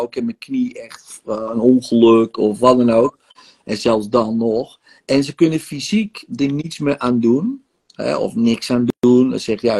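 A man with a medium-pitched, darkish voice hosts and guides a casual coaching conversation in an online live session. He talks animatedly, uses lots of fillers and acts out inner voices.

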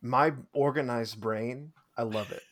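Another podcast co-host goes over a tabletop tournament in casual, self-deprecating talk punctuated by laughter. He speaks a little slowly at medium pitch, with a fairly bright tone.

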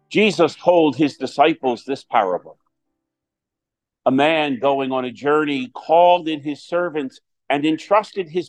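Measured male priest preaching, slightly high voice. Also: poor audio. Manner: measured, deliberate, with dramatic pauses. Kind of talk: scripture reading and sermon.

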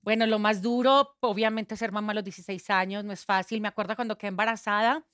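A woman's voice: medium pitch, steady tone, fast, fairly bright tone, dry recording, studio quality. A woman in her thirties chatting candidly as a guest, reading fan questions aloud and telling personal stories. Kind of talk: casual chat.

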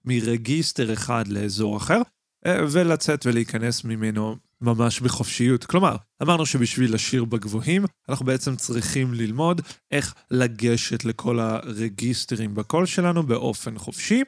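A man's voice: mid-range voice, lively intonation, dry recording, studio quality. A man with an Israeli accent giving an informal explanatory lesson as a singing teacher and podcast host, often checking in with his listeners.

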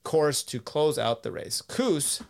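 A man's voice: fairly high pitch, expressive, slow pace, vocal fry, darkish tone. Rambling, swearing male podcast host. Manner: rambling, swears, laughs while reading news quotes. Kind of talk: casual chat.

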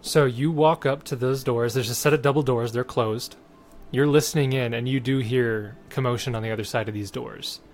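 A man runs a tabletop game in a medium-pitched voice. He describes scenes and answers players conversationally. Soft music sits behind his narration. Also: steady tone, moderate pace. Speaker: game master.

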